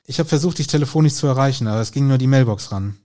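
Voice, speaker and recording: A man's voice: medium pitch, rapid-fire, dark tone, natural voice. A man voicing an earnest young female police assistant who speaks with urgency. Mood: urgent.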